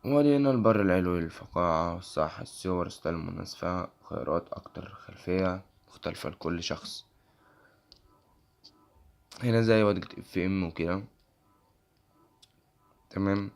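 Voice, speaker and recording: Hoarse fast-talking Egyptian man, low gravelly. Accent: Egyptian Arabic. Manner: quick, repeats "okay?" after nearly every phrase. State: hoarse, voice worn out. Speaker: tech channel host. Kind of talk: casual screen-recording walkthrough.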